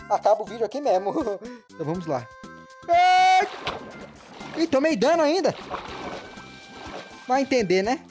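A man with a Brazilian accent doing playful, excitable let's play commentary and often acting scared. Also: extremely high pitch. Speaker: gaming youtuber.

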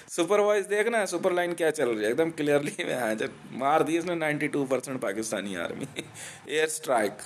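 A man's voice: a little high, a little hiss or hum. Taunting, foul-mouthed Indian man. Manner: aggressive, taunting, swears constantly, laughs between threats. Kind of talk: profane ranting monologue.

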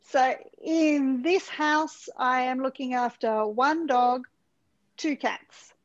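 A woman with a high voice teaches English in a friendly, unhurried way, speaking slowly. She is on a video call, and the sound comes through dull and lo-fi. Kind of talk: online class chat.

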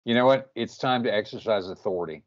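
Firm low-voiced male interview host. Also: fast talker. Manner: firm, emphatic, keeps saying "you know what". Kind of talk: casual interview. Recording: muffled lo-fi call audio.

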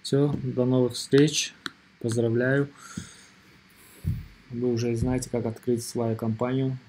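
A man narrating an informal screen tutorial as its presenter, in a hesitant, halting way, often repeating himself. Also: medium pitch, flat delivery, dark tone, slight background noise, poor audio. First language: not Russian or rusty Russian speaker living abroad.

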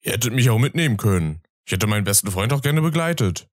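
A man's voice: on the low side, animated, quick pace, no echo, clean studio sound, natural voice. A man voicing a joking, teasing young wizard in a fan audio drama. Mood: sulky. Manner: teasing, laughing, sulky.

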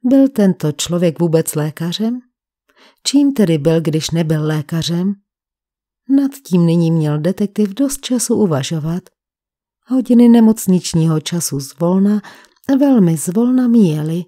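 Female audiobook narrator, warm lower voice, calm measured storytelling. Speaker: audiobook reader. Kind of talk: scripted narration of a detective story.

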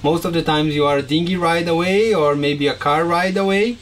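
Relaxed sailor man chatting aboard. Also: on the high side, moderate pace, slight background noise. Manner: relaxed, rambling with fillers. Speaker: sailing vlogger. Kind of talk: casual chat. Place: inside a sailboat cabin.

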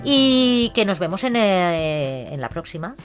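Young Spanish gamer woman, chatty and animated, faint game music behind. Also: on the low side, slow pace. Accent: Spain Spanish. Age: 20s. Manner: chatty, animated, shrieks in shock. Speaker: let's play gamer. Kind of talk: playing and narrating a life-sim game.

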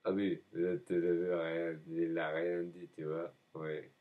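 A man in a rambling spoken monologue, halting often and repeating himself as if answering his own questions. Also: low voice, completely flat delivery, narrow, tinny audio. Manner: halting, frequent hesitations.

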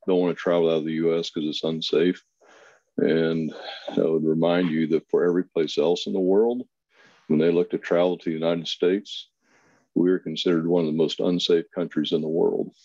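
A man in his fifties from Kansas giving a volunteer talk on a webinar, plainspoken and pausing often with fillers. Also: low-pitched, level tone, mellow, no echo. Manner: plainspoken, many pauses and fillers. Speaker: volunteer consultant speaker. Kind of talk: webinar presentation. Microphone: video call. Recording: dull, lo-fi webinar audio.

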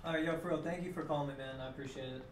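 A man in a relaxed, slangy phone chat, thanking a friend for calling. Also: fairly high pitch, racing. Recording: distant, echoey, noisy.

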